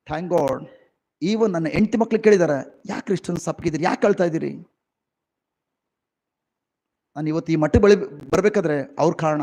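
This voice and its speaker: A middle-aged man with a Kannada accent preaching a sermon, his delivery swinging between loud exclamations and quiet musing. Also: high-pitched. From India.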